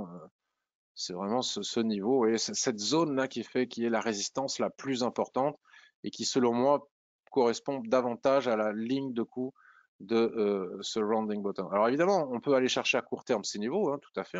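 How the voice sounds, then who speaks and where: A man's voice: medium pitch, no room sound, muffled recording. A man walking through stock charts in a screen-share tutorial, thinking aloud with frequent hesitations and restarts. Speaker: trading analysis presenter.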